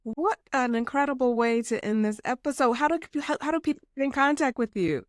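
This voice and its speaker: A woman's voice: sits high, animated, brisk, no echo, studio quality. A woman hosting a podcast interview, encouraging her guest with short affirmations and reflective questions. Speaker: podcast host. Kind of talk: conversational interview.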